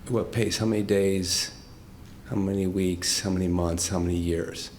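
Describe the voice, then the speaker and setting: An older man speaks at a tribute event in a somewhat low voice, moved close to tears. He stops and restarts often, laughing through the emotion. A faint hum of room sound sits behind him. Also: little pitch movement, normal speed, darkish tone. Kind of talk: heartfelt off-the-cuff remarks.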